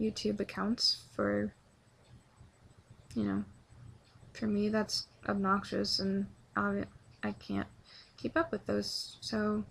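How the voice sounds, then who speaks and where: A woman's voice: mid-range voice, creaky, slightly rough. A young adult woman talking to camera in a casual, rambling video blog, eager and full of ums and restarts. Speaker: video blogger. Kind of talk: casual vlog monologue.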